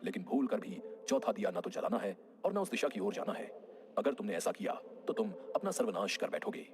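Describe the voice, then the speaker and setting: A man voicing an old, kindly wandering holy man who speaks with solemn, measured warnings in a cartoon story. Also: fairly low pitch, very animated, darkish tone, breathy edge, soft background music, heavily acted. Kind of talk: cartoon dubbing.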